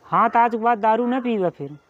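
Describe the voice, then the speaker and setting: A man's voice: extremely high pitch, lively intonation, normal speed, dull audio, slight background noise. A man with an eastern Uttar Pradesh accent playing a bossy, scheming village brother-in-law in an amateur comedy skit. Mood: stern.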